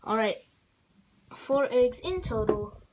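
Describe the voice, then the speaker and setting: A woman's voice: a little high, animated, slow pace, background noise. A young woman vlogging as she collects eggs in a chicken coop, chatty and rambling, often correcting herself. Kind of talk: casual vlog narration. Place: chicken coop outdoors in the country.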